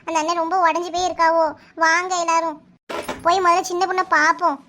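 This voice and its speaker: Woman voicing a village woman neighbor, cartoon, Kanyakumari Tamil accent, very high-pitched, urgent. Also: flat delivery, fast talker, sharp tone, slight background noise. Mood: soothing. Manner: urgent, pleading, soothing. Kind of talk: cartoon voice acting.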